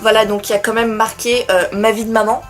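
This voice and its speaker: A woman's voice: a little high, flat delivery, fast talker. A young woman chatting casually to camera as a book vlogger, self-mocking and full of fillers. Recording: faint music behind.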